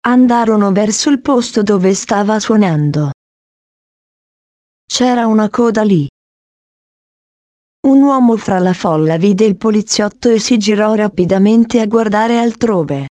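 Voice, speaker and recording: A woman narrating a short story in a slow, careful reading style. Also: mid-range voice, lively intonation, mellow, no room sound.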